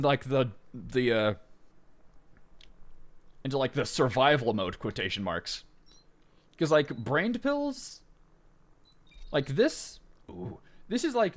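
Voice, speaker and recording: A man casually commenting on his gameplay in a rambling way, full of fillers and self-interruptions, jumping up in pitch when excited. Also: unhurried, long pauses. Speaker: let's play gamer.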